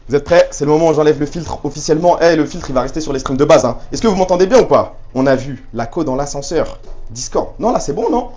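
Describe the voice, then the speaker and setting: A man's voice: fairly high pitch, expressive, quick pace, dark tone, lo-fi sound, a little hiss or hum. A man live streaming on a handheld phone rig, bantering in slang with his viewers and reading their chat messages aloud. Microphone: handheld phone rig with stabilizer.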